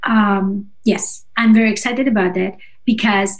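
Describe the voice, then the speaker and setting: This interview guest, a singer-songwriter, has a mid-range voice and fairly even intonation. Russian and Georgian are her first languages. In the casual conversation she halts, searches for words, and asks "right?" to check.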